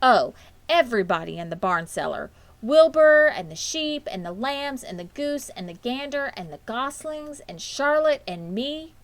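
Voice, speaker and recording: A woman's voice: high voice, big pitch swings, measured pace, dry recording, pitched above the performer's own voice, heavily acted. A woman voicing an eager, earnest young farm girl in a children's storybook, thoughtful and matter-of-fact.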